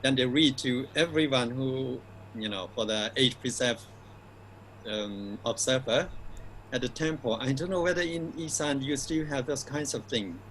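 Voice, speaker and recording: Male monk, mid pitch, explains patiently. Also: moderate pace, fairly bright tone, a little hiss or hum, poor audio. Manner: explanatory, leaning on "you know". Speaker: Buddhist monk. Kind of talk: casual Dhamma discussion.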